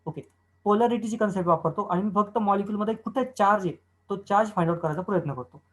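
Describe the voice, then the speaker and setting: A chemistry teacher gives a classroom lecture, working through the material step by step and posing questions he then answers himself. His voice sits high and he talks fast. The recording quality is low.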